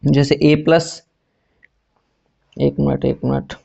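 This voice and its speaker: A man's voice: mid-range voice, level tone, slow pace, vocal fry, dark tone, highs cut off. A man teaching a grammar lesson for exam preparation, asking and answering his own questions and correcting himself as he goes. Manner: self-correcting, says sorry mid-sentence.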